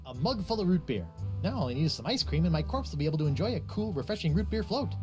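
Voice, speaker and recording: A man's voice: a little high, sing-song, fast. A young pirate hero for a comedic video game. He is quippy and naive, with a theatrical, very mobile delivery. Music plays behind his chatty wisecracks. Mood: chatty, wry.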